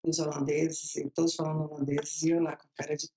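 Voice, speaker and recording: A Bahian woman in her fifties, guesting in an interview, tells her story in a mellow voice that sits low with a level tone. Her Bahian Brazilian Portuguese is chatty and full of laughter, her phrases long and slow.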